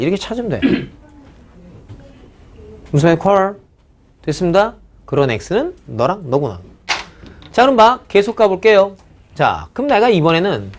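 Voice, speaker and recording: Animated man teaching math, lively pitch. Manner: animated and drawn-out, stretches words for emphasis, constant "그지?" and "오케이?" check-ins. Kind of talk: recorded online math lecture.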